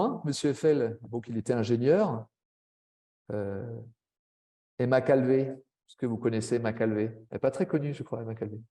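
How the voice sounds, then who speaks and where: A man giving a webinar presentation to language teachers, chatty, with frequent tag words and quick asides. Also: mid-range voice, dark tone. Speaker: French language teacher trainer.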